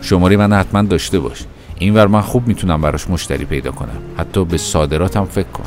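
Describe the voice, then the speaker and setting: A man's voice: deep voice, a little mellow, faint music behind, lightly acted. A man voicing a brash, boastful middle-aged man. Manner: brash, overfamiliar, talks over others. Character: pushy, sweaty, heavyset middle-aged man, a boastful big talker.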